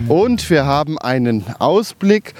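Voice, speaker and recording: A man's voice: fairly high pitch, very animated, measured pace, over loud music. A man hosting a hiking podcast outdoors, explaining things in a casual, conversational way as he walks. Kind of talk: casual on-location commentary.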